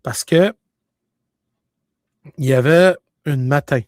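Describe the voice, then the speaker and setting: In a clean, dry studio recording, a Québécois-accented man slowly recounts a personal story in a voice on the high side. He keeps it conversational, checking in with his listener and sprinkling in "là" and "tu comprends," and stays animated, shifting between loud bursts and quiet, hushed moments.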